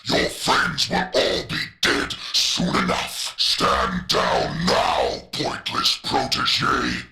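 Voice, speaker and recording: An actor playing a ruthless, megalomaniac general in a video game, with a gravelly, forceful voice and a pompous, contemptuous, theatrical delivery. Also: male voice, rumbling low, wildly swooping pitch, extremely slow, hardly any pauses, full character voice. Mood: cold contempt. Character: ruthless megalomaniac male general, villain scornful of humanity. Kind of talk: dramatic video game villain acting.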